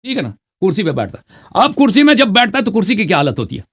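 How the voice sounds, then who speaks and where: In a religious debate, a man whose husky voice sits high and swings widely in pitch quotes Arabic texts aloud. He then explains them in a mocking tone, repeatedly asking "right?"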